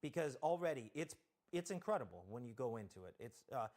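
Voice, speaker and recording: A man's voice: medium pitch, very animated, fast, darkish tone. Man from Canada explaining game tech. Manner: detailed, explanatory, thinks aloud. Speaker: game developer guest. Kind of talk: technical talk-show explanation.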